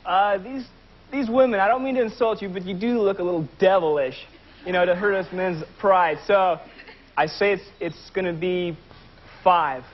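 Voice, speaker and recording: High-pitched male game show contestant. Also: moderate pace. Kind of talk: unscripted game show answers. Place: television studio. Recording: dull old TV audio, audience behind.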